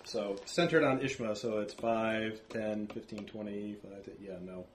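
A jovial man narrating a tabletop game casually as game master, quick to laugh. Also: on the low side, steady tone. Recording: echoey room, faint clicky noise.

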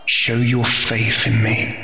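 Man voicing a slow, coaxing dark spirit in echoing gloom. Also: mid-range voice, monotone, gravelly, a little hiss or hum, heavily acted. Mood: coaxing, sinister. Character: mysterious dark spirit voice, coaxing, sinister tempter. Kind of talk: tabletop role-play. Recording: dull, very echoey, music behind.

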